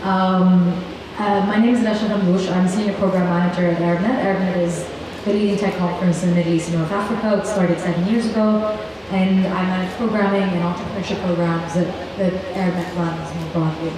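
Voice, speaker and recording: A woman's voice: on the low side, steady tone, brisk. A woman from Lebanon speaking as a panelist, earnest and thoughtful. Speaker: program manager, panelist. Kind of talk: panel answers. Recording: echoey hall, mic far, noisy.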